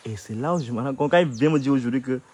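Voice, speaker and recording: A middle-aged man with a Cameroonian French accent telling a story in an interview, swinging between loud indignation and quiet asides. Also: medium pitch, rapid-fire, slightly rough. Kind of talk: animated storytelling.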